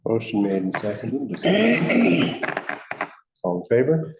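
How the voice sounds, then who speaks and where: A man's voice: medium pitch, wildly swooping pitch, unhurried, gravelly, noisy background. A man chairing a town board meeting, running motions and reading documents aloud. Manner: procedural, reads documents aloud. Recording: roomy meeting hall mic.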